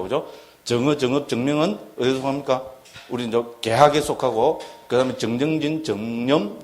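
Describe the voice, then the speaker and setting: A middle-aged man, a Buddhist monk giving a dharma lecture, who keeps asking his listeners rhetorical questions and checking that they follow. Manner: acts out shouted quotes in a higher voice.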